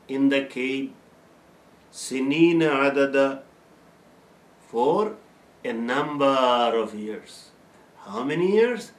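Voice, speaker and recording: An older man, an Islamic teacher, speaks slowly in a mid-range voice during a Quran lesson, explaining each verse and chanting its Arabic recitation in between. Echo fills the plain room with its bare wall.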